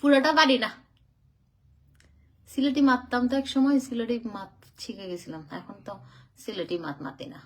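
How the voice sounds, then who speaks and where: A woman's voice: a little high, animated, normal speed, pauses often. A woman from Chittagong chatting casually on a live stream, tired from travel, answering viewer comments and dropping English phrases in. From Chittagong, Bangladesh.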